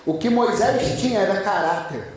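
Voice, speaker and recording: A man's voice: high voice, lively intonation, normal speed, a little mellow, slight background noise. A man, a pastor, giving a fervent, emphatic sermon with a lot of repetition, preaching in a church. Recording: echoey church, far from mic.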